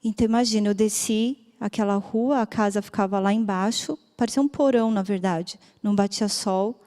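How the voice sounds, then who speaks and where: A woman's voice: medium pitch, fairly quick, warm tone. A woman with a Brazilian accent, a doctor telling an emotional testimony in church, her voice swelling and dropping. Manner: emotional storytelling, rises and drops. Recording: long church hall reverb.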